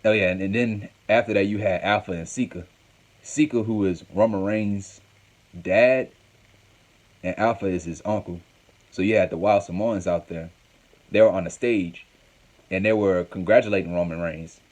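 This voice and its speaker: A man with a lowish voice casually recapping a wrestling event as host. He rambles along in loose, conversational sentences and repeats lines as he goes. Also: fairly even intonation, normal speed, darkish tone.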